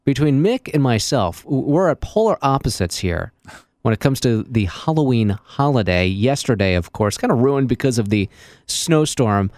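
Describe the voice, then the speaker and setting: A man's voice: mid-range voice, sing-song, moderate pace, darkish tone, no echo. A man hosting a morning radio show, chatting and teasing his guest in upbeat banter. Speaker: radio host.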